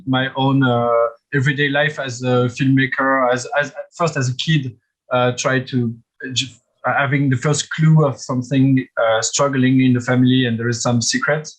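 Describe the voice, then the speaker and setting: Halting soft-spoken man, flat delivery. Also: mid-range voice, poor audio. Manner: halting, many restarts and fillers. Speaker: film director. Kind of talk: festival Q&A.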